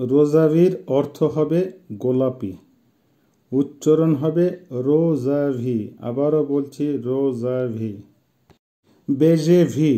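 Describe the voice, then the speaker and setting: A man in his fifties from Bangladesh with a Bangladeshi Bengali accent, teaching vocabulary slowly and methodically, repeating each term. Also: on the high side, mellow. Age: 50s. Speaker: language teacher. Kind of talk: vocabulary lesson, word by word.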